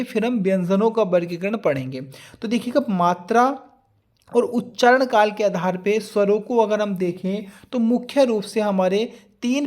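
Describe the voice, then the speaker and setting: A man's voice: sits high, a little mellow. A man teaching an exam-prep grammar lecture, patiently repeating each point and often addressing his students directly.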